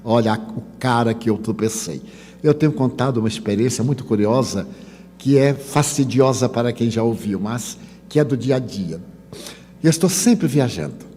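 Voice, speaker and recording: A man's voice: medium pitch, moderate pace. An older man with a Bahian Brazilian accent, giving a spiritist lecture full of humorous anecdotes and acting out dialogue. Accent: Bahian Brazilian Portuguese. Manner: animated storytelling, acts out dialogue. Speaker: spiritist speaker. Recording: long hall reverb.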